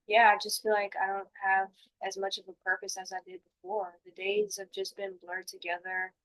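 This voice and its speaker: A dejected, down-on-her-luck woman as acted in a counseling role play confides in a counselor. Her voice is middle-pitched, and she talks in a downcast, halting way. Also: little pitch movement, a bit bright, lightly acted, poor audio. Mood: discouraged. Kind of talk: mock counseling session.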